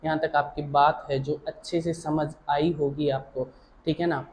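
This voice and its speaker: A man's voice: a little high, level tone, unhurried, a little mellow, rough recording. A man teaching a shorthand lesson. He explains patiently, repeats himself, keeps checking that students follow, and calls them child or dear. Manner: patient, repetitive, checks in with "theek hai na".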